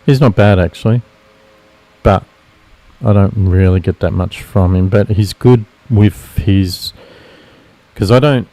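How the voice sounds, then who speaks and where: Lowish, nasal male streamer; loose, rambling live-trading commentary full of restarts. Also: takes it slowly, mellow. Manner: rambling, self-correcting explanation with fillers. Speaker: futures trader streaming live.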